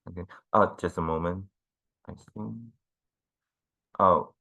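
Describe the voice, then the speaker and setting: A man, a Mandarin speaker, presenting informally and haltingly on an online call. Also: deep voice, fairly even intonation, gravelly, pushed and bright, lo-fi sound. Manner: hesitant, halting English. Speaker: guest team leader speaker.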